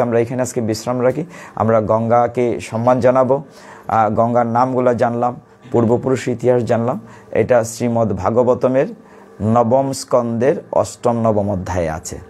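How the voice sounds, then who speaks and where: A man giving a devotional sermon to a home gathering, reciting verses slowly and then explaining them. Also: mid-range voice, darkish tone. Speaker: Gita preacher.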